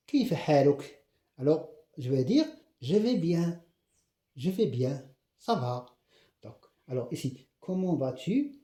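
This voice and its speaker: Moroccan-accented teacher with a very dark, roomy voice. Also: male voice, a little high. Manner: repeats example questions slowly, checks understanding often. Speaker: French teacher. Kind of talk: classroom grammar lesson.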